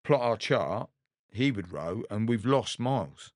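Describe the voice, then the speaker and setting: A middle-aged man with a lowish voice tells his story in a relaxed, rambling way and acts out the lines of the people in it. The sound is dry and close, with no room around it. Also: unhurried, no echo. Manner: rambling, earnest, acts out quoted dialogue. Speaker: guest, ocean rower. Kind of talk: casual storytelling interview.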